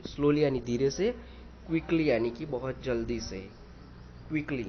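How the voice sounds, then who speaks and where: A male English teacher, slowly explaining exercises, spelling words letter by letter and repeating each one. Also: medium pitch. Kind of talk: slow explanatory lesson. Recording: dull lo-fi recording with faint noise.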